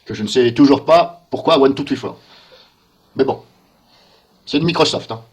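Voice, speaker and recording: A man talks through a software walkthrough while recording his screen. He thinks aloud and mutters in puzzlement as he clicks through the menus. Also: mid-range voice, moderate pace. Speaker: software tester.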